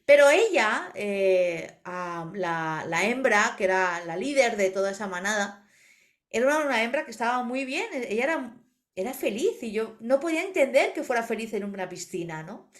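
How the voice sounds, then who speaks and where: Una mujer con acento de España habla en un pódcast con un tono un poco alto. Narra con energía y se mete en sus anécdotas. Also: female voice, fairly high pitch, moderate pace. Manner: animated storyteller, acts out quoted voices. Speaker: podcast co-host, animal communicator. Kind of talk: casual podcast conversation.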